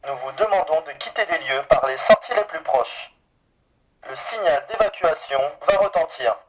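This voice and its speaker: A man's recorded evacuation announcement, played over an alarm loudspeaker in a small room, calm and formal. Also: a little high, moderate pace, poor audio. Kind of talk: scripted public announcement. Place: small confined room, played from a sounder on the wall.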